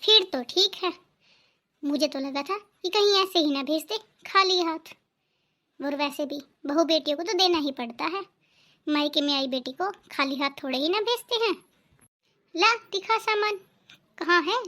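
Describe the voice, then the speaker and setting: A woman voicing a very high-pitched scolding mother-in-law. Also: moderate pace, long pauses, sharp tone. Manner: scolding, sarcastic. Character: nagging, greedy middle-aged mother-in-law. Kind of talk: cartoon family drama voice-over.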